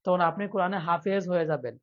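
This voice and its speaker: A man's voice: high voice, quick pace, phone-quality sound. A male teacher leading a live online lesson for job exams, repeating each question again and again to quiz his viewers. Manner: reads viewer comments aloud, softer.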